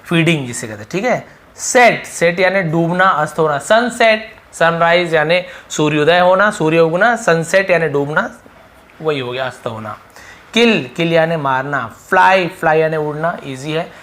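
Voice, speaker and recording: A man's voice: on the high side, expressive, moderate pace, a bit bright. A young man teaching a vocabulary lesson, explaining patiently and repeating each word.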